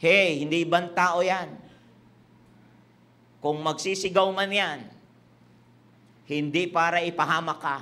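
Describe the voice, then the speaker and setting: A man's voice: on the high side, fairly even intonation, slow, pauses often, bright, forceful tone. A man preaching a sermon, repeating his points and teasing the congregation. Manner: preaching in Tagalog-English mix, repetitive, teasing the congregation. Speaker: pastor. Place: church hall with congregation.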